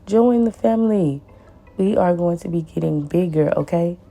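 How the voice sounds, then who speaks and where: A nail tech vlogger, hoarse from the flu, gives a casual voice-over tutorial in a raspy, deep, low woman's voice. She moves at a moderate pace, repeating words for emphasis and adding warm pleading asides. Faint music plays behind her.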